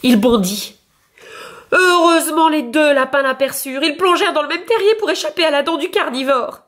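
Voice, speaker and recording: A woman reading a picture book aloud for young children with clear, expressive storytelling. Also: high-pitched, normal speed.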